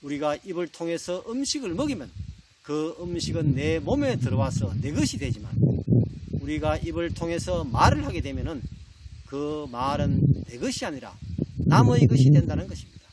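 A man delivering a devotional meditation as a preacher, measured and storytelling. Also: fairly high pitch, sing-song, recorded from a distance, over a noisy crowd, rough recording. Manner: measured, telling a joke as a lesson.

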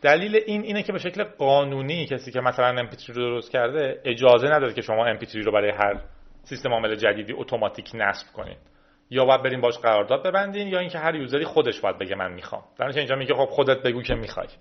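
A man's voice: mid-range voice, expressive. Guy doing a laid-back computer tutorial, talks you through every click, kinda dull sound. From Iran. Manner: chatty, explains steps while clicking through menus. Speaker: tech video host. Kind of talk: casual screen-recorded tutorial.

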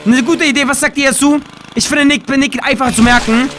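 A man giving excited commentary while playing a game, yelping and shouting at each miss and ranting with casual swearing. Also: very high-pitched, a little fast, very noisy. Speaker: let's play host.

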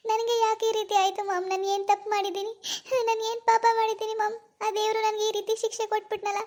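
A woman's voice: extremely high pitch, flat delivery, normal speed, darkish tone, pitched above the performer's own voice. A woman voicing a young woman in a cartoon who is grieving her lost baby, sobbing out pleading questions. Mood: despairing.

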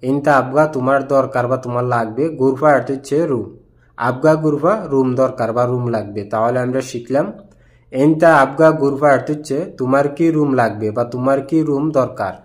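A man's voice: mid-range voice, brisk. Methodical man teaching phrases. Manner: repetitive, methodical word-by-word explanations. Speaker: language teacher. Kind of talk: scripted phrase-by-phrase language lesson.

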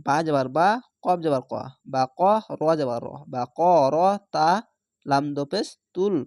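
A Quran reading teacher giving a slow, patient lesson, spelling out syllables one by one and then blending them into words. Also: mid-range voice, darkish tone, no room sound, studio quality. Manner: patient, repeats words slowly for learners.

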